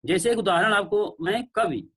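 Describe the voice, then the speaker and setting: High-voiced male teacher explaining slowly. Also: pushed and bright, husky. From India. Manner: explains slowly with repeated examples; checks in with students. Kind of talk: online class lecture on pronunciation. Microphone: online call.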